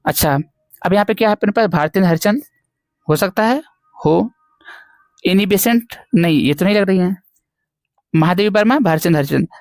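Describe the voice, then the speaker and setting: A man's voice: high voice, normal speed, pauses often, dry recording, clean studio sound. A male Hindi teacher giving an exam-prep lecture, explaining memory tricks with lots of repetition and quiz questions.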